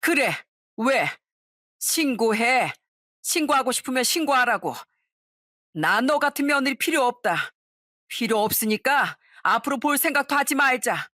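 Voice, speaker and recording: Woman putting on a shrill pushy mother-in-law. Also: a little slow, a bit bright, no room sound, studio quality, lightly acted. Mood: furious. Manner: demanding, wheedling then shrill.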